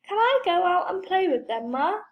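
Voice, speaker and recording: A woman voicing a tiny excitable young boy in a storybook, high and shouty. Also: moderate pace, lo-fi sound. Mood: pleading.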